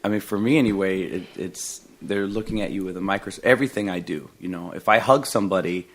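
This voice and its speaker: A man's voice: low-pitched, fast talker, a bit bright. A man hosting a podcast, chatting casually in a rambling way with restarts and acted-out quotes. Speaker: podcast host and comedian.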